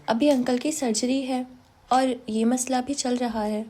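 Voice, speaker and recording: Woman doing calm young man, soft-spoken, tender, high voice, mellow tone, audiobook. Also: a little hiss or hum.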